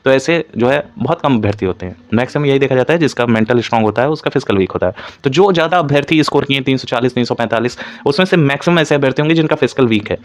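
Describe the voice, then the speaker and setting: A man races through an informal analytical lecture as a coaching instructor, his mid-range voice animated and barely pausing. He explains in Hindi with frequent English terms mixed in, repeating points as he goes.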